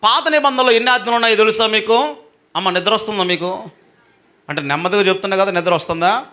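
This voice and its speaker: A man pastor preaching a sermon to a live congregation, emphatic, often urging the listeners to answer loudly, moving between slow drawn-out phrases and quick bursts. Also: sits high. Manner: swings between slow drawn-out and fast speech. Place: church hall with a congregation.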